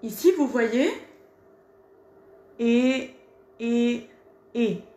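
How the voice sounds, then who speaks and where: A woman's voice: on the high side, extremely slow, mellow, echoey room. A woman teaching pronunciation, carefully articulating and repeating each word. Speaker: French teacher. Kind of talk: pronunciation lesson.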